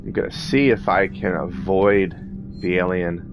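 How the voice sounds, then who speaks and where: Low-voiced man casually narrating gameplay. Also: steady tone, a little slow, muffled recording. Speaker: video game player and commentator. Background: game music and sound.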